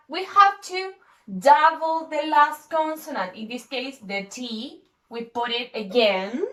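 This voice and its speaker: A woman's voice: on the high side, bright, forceful tone. A woman teaching an English grammar lesson, spelling out letters one at a time and checking in with "okay?" after nearly every phrase.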